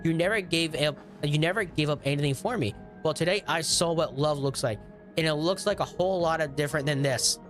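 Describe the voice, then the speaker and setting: A man's voice: on the high side, fairly quick, fairly bright tone, close to an everyday voice. A man voicing a scornful female spirit who ends a romance, reading her lines in a bitter, accusing way, with faint music behind him.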